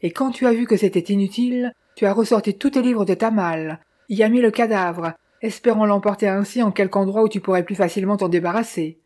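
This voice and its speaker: A woman's voice: mid-range voice, quick pace, few pauses, mellow, close to an everyday voice. A woman voicing Austin, a stern man pressing his brother to confess, who talks in an insistent, questioning way.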